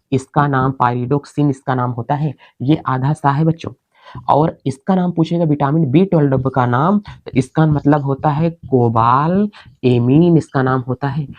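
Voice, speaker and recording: A man's voice: medium pitch, dry recording. Male teacher, exam-prep lecture, step-by-step explaining, asks and answers himself, dry close sound, slightly muffled.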